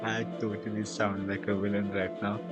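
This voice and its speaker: A man's voice: lowish voice, little pitch movement, moderate pace, lo-fi sound. A man streaming a game, chatting casually and teasing the characters. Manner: chatty, mixing Hindi and English, teasing. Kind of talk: casual gameplay commentary. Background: game music.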